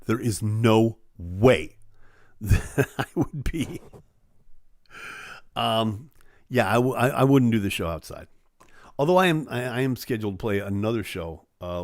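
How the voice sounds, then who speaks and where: This lowish-voiced man hosts a live stream, recorded in studio quality without echo. Though his voice is failing and he keeps clearing his throat, he chats casually with viewers in a self-deprecating manner laced with fillers and asides.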